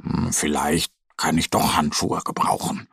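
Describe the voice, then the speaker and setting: A man's voice: fairly low pitch, moderate pace, creaky, sharp tone, breathy edge, no echo, studio quality, full character voice. A man doing Mo, a stubborn little bear cub. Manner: grumbling, defiant.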